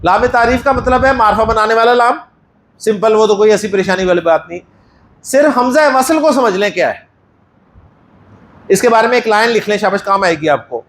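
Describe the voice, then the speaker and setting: A man's voice: sits high, expressive, moderate pace, a bit bright, reverberant, slight background noise. A male teacher with a Pakistani Urdu accent giving a Quran Arabic lesson in a mosque class, patiently quizzing students and praising their answers.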